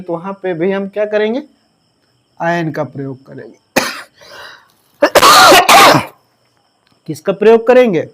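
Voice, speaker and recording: A male English grammar teacher giving a lesson. He asks the class questions, answers them himself, and spells words out letter by letter. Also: high-pitched.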